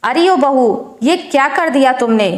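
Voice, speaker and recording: A woman's voice: high voice, expressive, a little slow. A woman voicing a stern older mother-in-law who scolds sharply and nags, in a spoken moral story. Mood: scolding. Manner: sharp, nagging. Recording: roomy echo.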